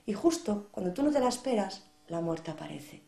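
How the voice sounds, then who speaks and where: A woman storyteller Galicia, telling a folk tale in a lively, expressive way. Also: mid-range voice, normal speed, creaky. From Galicia, Spain. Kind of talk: oral storytelling. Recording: echoey room.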